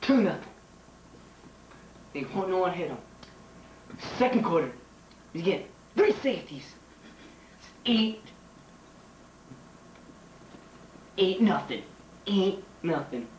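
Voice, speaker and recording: Young man's high-pitched teacher impression, blustering athletic director. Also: very animated, a little slow, long pauses, darkish tone, recorded from a distance. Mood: rousing. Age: young adult. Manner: teacher impression, emphatic, repetitive, blunt. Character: blustering male high school athletic director giving pep talk. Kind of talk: amateur comedy skit. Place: home kitchen. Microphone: camcorder a few feet away. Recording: noisy, roomy home camcorder audio.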